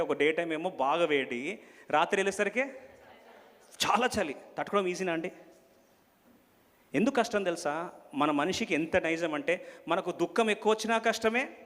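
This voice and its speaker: A man preaching a sermon and questioning the congregation, switching between loud emphasis and soft asides. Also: on the high side. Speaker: pastor. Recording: long hall reverb.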